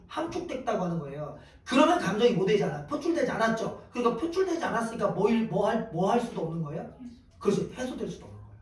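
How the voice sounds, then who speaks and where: Male lecturer, high voice, asks and answers his own questions, heard from a distance in a reverberant room. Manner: questions then answers himself, lively. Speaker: Korean exam prep teacher. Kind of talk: classroom lecture. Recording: echoey room from a distant mic.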